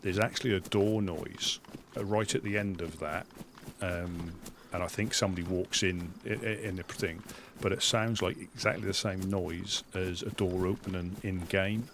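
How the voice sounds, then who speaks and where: A man with a Suffolk accent chatting casually on a live game stream, rambling and hesitant, often halting mid-sentence. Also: low voice, steady tone, creaky, noisy background. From Suffolk, England.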